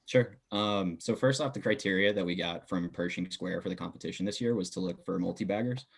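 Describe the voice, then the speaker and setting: Fast-talking low gravelly man. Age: young adult. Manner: fast, detailed, uses filler words. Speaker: podcast guest, business student. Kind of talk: casual interview talk.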